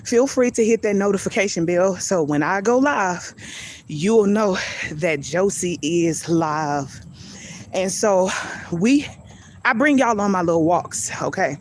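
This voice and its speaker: A woman's voice: on the low side, lively intonation, unhurried, a little hiss or hum. Breathless woman preaching on a walk. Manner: preachy, building repetition. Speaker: faith channel host. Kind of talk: live-streamed motivational faith message. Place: outdoors on a walk. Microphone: handheld phone.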